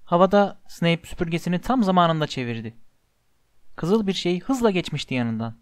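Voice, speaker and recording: A man narrating an audiobook in an expressive, measured storytelling manner. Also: high voice, no echo.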